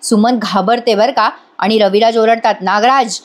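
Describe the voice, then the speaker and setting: A woman's voice: a little high, normal speed, a little mellow. A woman reviewer giving a chatty voice-over recap of a TV serial episode, talking directly to her viewers.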